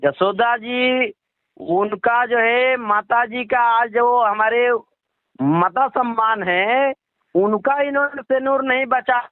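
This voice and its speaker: Over a muffled, lo-fi phone line, an Indian political activist is interviewed, his very high-pitched voice slow and indignant in a dry recording. He repeats himself and asks rhetorical questions.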